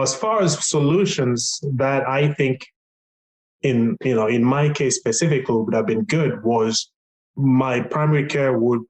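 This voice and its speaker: A middle-aged man from Tanzania, a patient advocate earnestly and reflectively recounting his experience, with frequent pauses and fillers. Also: medium pitch, darkish tone, poor audio. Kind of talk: recorded podcast testimony.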